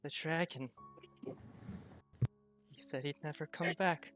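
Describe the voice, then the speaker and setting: A game master voicing a tiny, frightened kobold child in a soft, shaky voice during a tabletop role-play. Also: medium pitch, fairly even intonation, takes it slowly, over music, pitched above the performer's own voice, lightly acted. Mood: hopeful. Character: tiny frightened kobold boy, shy and hopeful.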